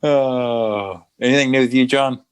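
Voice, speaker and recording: A man's voice: mid-range voice, fairly even intonation, smooth, dry recording. A man co-hosting a podcast in casual chat, making playful, joking asides. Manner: jokey, quick asides, playful. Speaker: podcast co-host.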